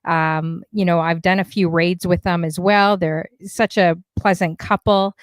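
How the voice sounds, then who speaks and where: A woman's voice: lowish voice, steady tone, unhurried, no echo, studio quality. A woman from Canada hosting a casual livestream talk show, chatty and upbeat, with lots of fillers.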